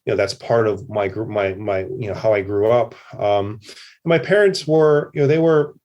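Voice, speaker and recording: Speaking casually as a podcast guest, a middle-aged festival producer from Hawaii rambles through a conversational interview full of fillers and restarts. His voice is lowish and darkish, at a moderate pace, on a lo-fi recording.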